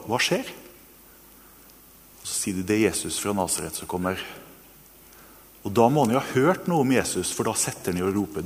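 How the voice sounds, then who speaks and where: A man with a fairly low voice preaches a sermon, retelling a story with earnest, animated energy before turning soft and hushed to guide listeners through a quiet meditation. Long hall reverb and faint noise surround him.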